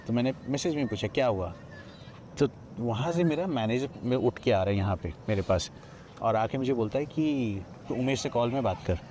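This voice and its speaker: A man from Odisha recounts his own ghost story as a podcast guest, acting out the other people's lines as he goes. His voice is mellow and mid-pitched. A faint outdoor hum sits behind him. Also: animated, normal speed. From Odisha, India. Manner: narrates with many quoted lines of dialogue, frequent restarts. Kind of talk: retelling a personal ghost story. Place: outdoors at a riverside ghat.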